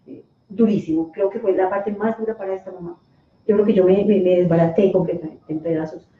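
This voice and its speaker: A middle-aged woman giving an emotional personal account as a guest, halting with restarts and fillers. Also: medium pitch, fairly even intonation. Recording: echoey, distant, phone-like sound.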